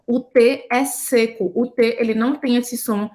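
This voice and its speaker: A woman's voice: on the high side, steady tone, a little mellow. A woman, teaching French in a casual video lesson and explaining pronunciation patiently. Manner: patient, explanatory, repeats sounds slowly.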